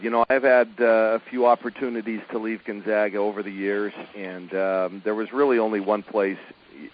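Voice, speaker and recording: A man's voice: fairly low pitch, muffled recording. A middle-aged man, a college basketball coach, talking casually in an interview, easygoing and chuckling, with lots of fillers and restarts. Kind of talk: phone interview, casual chat.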